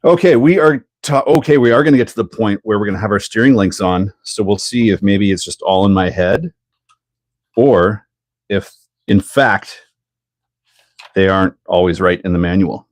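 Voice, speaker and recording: A man's voice: lowish voice, moderate pace, no echo, clean studio sound. A Canadian man hosting a live stream, chatting casually while he builds and answering viewers, with frequent laughs. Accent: Canadian English.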